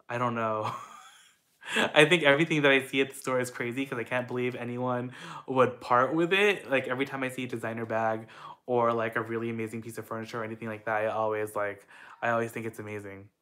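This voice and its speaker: A young Filipino man chats casually at home, answering viewer questions in an upbeat Q&A with lots of fillers. His mid-range voice is pushed and bright, with a steady tone and a fairly quick pace.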